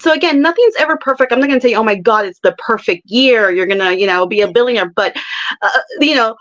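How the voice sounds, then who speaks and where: A woman's voice: fairly high pitch, muffled recording. A woman talking as a psychic guest in a casual interview, chatty and laughing often as she explains with examples.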